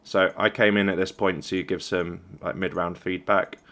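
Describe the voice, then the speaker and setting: A man's voice: low-pitched, steady tone, moderate pace, fairly bright tone. A young man coaching a team while reviewing a game replay, encouraging and conversational. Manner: encouraging, conversational, praises plays. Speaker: esports coach.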